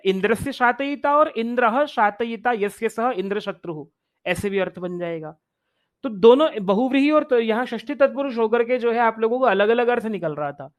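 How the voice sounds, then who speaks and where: A man teaching Sanskrit in an online exam-prep lecture. He explains step by step, repeats phrases and chants Sanskrit verses. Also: very high voice.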